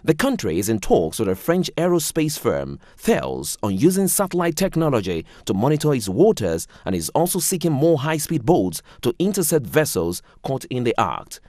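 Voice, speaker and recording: A man narrating a scripted news report, measured and even. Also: dry recording, studio quality. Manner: measured reading with wide pitch swings.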